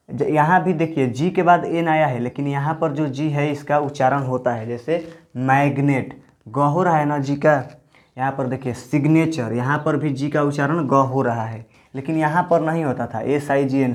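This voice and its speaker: A male English teacher talks through pronunciation rules in Hindi at a middle pitch. He explains patiently and repeats himself often. He slows down to spell each example letter by letter. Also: darkish tone.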